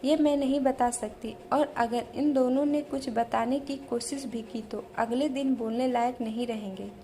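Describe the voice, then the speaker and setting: A woman's voice: fairly high pitch, fairly even intonation, measured pace, dark tone, a little hiss or hum, lightly acted. A woman voicing a bold, defiant young college woman in an audio story, speaking coolly. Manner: cool, defiant.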